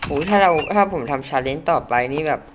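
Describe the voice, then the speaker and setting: A man giving let's play commentary, talking straight to his viewers in a chatty, jumpy way. He breaks into quick startled yelps as he plays. Steady background noise hums under the recording. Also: on the high side. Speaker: gaming channel host.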